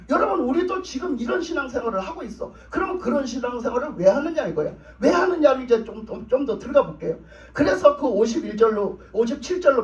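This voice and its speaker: High-voiced preacher in an echoey church. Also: male voice. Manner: asks the congregation questions and answers them; plain conversational speech with repeated phrases. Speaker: pastor. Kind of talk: sermon. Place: church sanctuary. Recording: roomy, distant, dull church recording.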